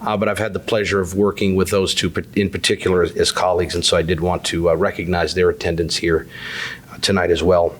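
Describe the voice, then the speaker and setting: New Hampshire's state insurance commissioner, a man with a cold, gives affable, self-deprecating town hall remarks full of "uh" fillers. His voice is low and level, and he talks fast.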